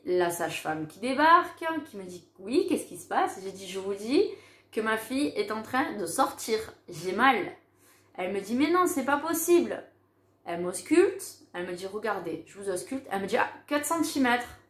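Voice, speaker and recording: A woman telling a personal story in a casual, animated way, acting out the dialogue she recounts. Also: medium pitch, moderate pace. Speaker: mother telling her birth story. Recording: roomy echo.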